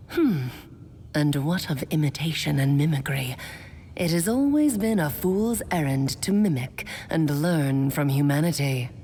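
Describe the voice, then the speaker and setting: A woman's voice: low voice, animated, unhurried, mellow. A coy, theatrical mother witch. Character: grand, playful mother witch, adult. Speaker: storyteller.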